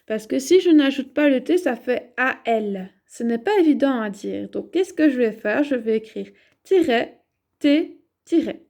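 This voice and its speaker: Woman, bright high voice, patient classroom explainer, repeats key points, talks through each step. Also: lively intonation. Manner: slow, clear, repetitive explanation with questions to herself. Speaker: French teacher. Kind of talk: grammar lesson at a whiteboard.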